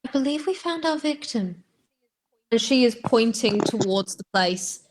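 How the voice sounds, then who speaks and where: A woman with a fairly high voice chats as a player at a tabletop roleplaying game. She talks informally with the others about the play and the rules. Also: animated, unhurried, darkish tone, a little hiss or hum, poor audio. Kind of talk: casual game chat.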